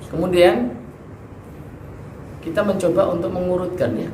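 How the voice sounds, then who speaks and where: High-voiced man teaching in an echoey hall. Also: steady tone, normal speed, warm tone. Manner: patient, asks students questions, demonstrates sounds. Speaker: Quran recitation teacher. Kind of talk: tahsin lesson on letter articulation. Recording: echoey room, background noise.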